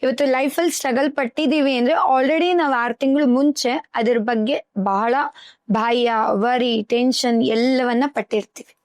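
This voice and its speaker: A woman's voice: a little high, steady tone, a little slow, dry recording. A woman guest on a podcast, a life coach who explains earnestly with everyday examples. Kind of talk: podcast interview.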